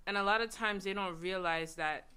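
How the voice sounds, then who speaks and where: Bright, clear-voiced Nigerian-born woman. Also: mid-range voice, moderate pace. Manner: earnest, steady and persuasive. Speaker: events and marketing manager, panel guest. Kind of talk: panel discussion.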